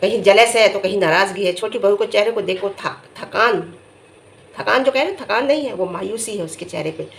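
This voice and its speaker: A middle-aged woman giving casual vlog commentary, emphatic and scolding, her voice jumping high when she gets indignant. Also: brisk, creaky, slight background noise. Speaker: vlogger reviewing family vlogs. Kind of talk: casual talking-head commentary.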